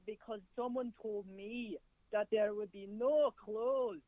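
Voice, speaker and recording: A man's voice: high-pitched, fairly even intonation, slow, dry recording. Casting: man as a lewd prank caller, sly and suggestive, dry muffled sound. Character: lewd cheeky caller with a put-on accent.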